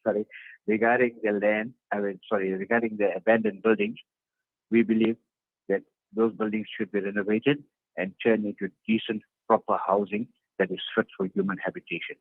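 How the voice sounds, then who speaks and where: Gravelly man over a video call. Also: on the low side, lively intonation, fairly quick, no echo. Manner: earnest, repeats points for emphasis. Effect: heard over a video call. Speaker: political party councillor. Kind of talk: interview answers. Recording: tinny, dry video-call line.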